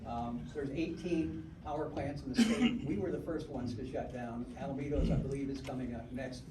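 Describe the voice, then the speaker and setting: At a homeowners meeting in a community hall, a man answers audience questions informatively, his medium-pitched voice at normal speed and peppered with frequent uh and um. The recording sounds echoey, distant and noisy.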